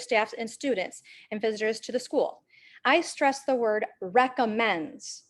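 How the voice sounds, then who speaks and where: A woman who is a parent and a teacher, reading a prepared public comment and slowing to stress key words. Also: a little high. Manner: measured, stresses key words, slows for emphasis.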